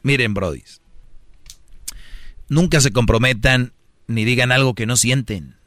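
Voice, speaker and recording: A man's voice: mid-range voice, unhurried, fairly bright tone, no echo, studio quality. A man with a Mexican accent, hosting a casual chat and giving brash, slangy dating advice with acted-out quotes.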